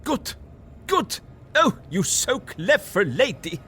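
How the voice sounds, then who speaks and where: Van Helsing, fervent older professor. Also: male voice, sits high, very animated, slow pace, pushed and bright, slight background noise, heavily acted. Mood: excited, eager. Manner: foreign, ungrammatical English, emphatic oratory. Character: earnest older male professor, vampire hunter, eccentric and fervent. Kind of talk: audio drama acting.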